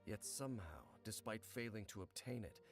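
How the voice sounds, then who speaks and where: A man voicing a calm, measured male investigator who speaks formally in game dialogue. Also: fairly low pitch. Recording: game audio with music.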